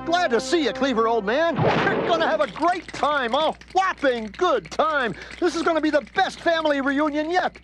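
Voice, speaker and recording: Gomez, swooping high cartoon dad, theatrical, music bed under him. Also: male voice, wildly swooping pitch, normal speed. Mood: forced cheer. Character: Gomez, exuberant eccentric family father. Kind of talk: 1990s cartoon voice acting.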